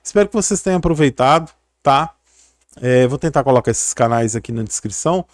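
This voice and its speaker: A man's voice: mid-range voice, animated, a little fast, dry recording, studio quality. Chatty middle-aged man. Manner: rambling, chatty, many fillers and tag questions. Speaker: physiotherapist YouTuber. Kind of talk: casual talk to camera.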